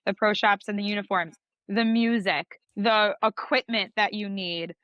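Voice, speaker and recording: A woman's voice: mid-range voice, steady tone, unhurried, no room sound, highs cut off. A young woman, a judge and coach, talking in a chatty, emphatic way in a casual interview. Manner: chatty and emphatic, heavy use of "like".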